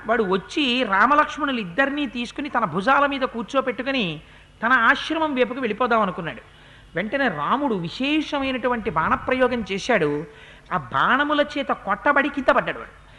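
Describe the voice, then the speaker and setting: A man tells an epic tale in a religious discourse. His voice is bright and forceful, and he shifts into slow, chanted Sanskrit verses. He sounds animated and vivid as a storyteller. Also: extremely high pitch.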